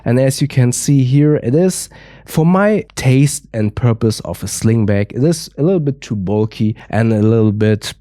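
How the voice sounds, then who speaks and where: A product reviewer with a stuffy nose from a cold talks through gear carefully and methodically, hedging often with "a little bit." His medium-pitched voice is mellow with lively intonation at normal speed. The studio recording is clean and dry.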